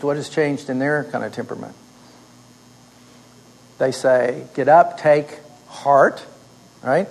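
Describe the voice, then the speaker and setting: A man's voice: mid-range voice, poor audio. A man teaching a class. He walks the students through a story by putting questions to them and often answering them himself, in a plain mid-range voice. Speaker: instructor.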